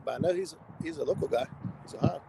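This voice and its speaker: A man with a gravelly voice chatting casually and in a folksy way as he hosts an outdoor fishing livestream, sometimes reading comments aloud. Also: fairly high pitch, fast. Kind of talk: casual live chat while fishing. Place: outdoors on a riverbank. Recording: noisy outdoor livestream with traffic sounds.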